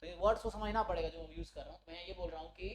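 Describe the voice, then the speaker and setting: A man's voice: sits high, steady tone, very fast, crowd noise, low-quality recording. Guy teaching maths online, goes step by step, keeps checking the class is with him, fixes his own slips as he goes. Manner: explains step by step, often checks in with "है ना"; corrects himself mid-sentence. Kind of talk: online exam-prep lecture.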